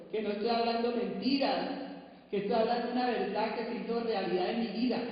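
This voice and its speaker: A middle-aged woman preaching with emotion, giving a personal testimony in a sermon. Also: fairly high pitch. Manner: impassioned, pleading preaching. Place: large church hall. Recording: echoey church hall, dull lo-fi sound.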